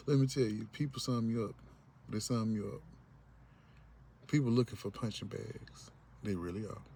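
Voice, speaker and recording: A man's voice: medium pitch, gravelly. Blunt, profane man ranting over road noise. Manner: blunt, profane, acts out other people's voices. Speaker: vlogger. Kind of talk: ranting monologue. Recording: vehicle noise in background.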